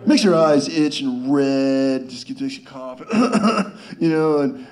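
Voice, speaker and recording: A man's voice: medium pitch, slow. A male stand-up comedian telling a rambling story with stammers, restarts and chuckles.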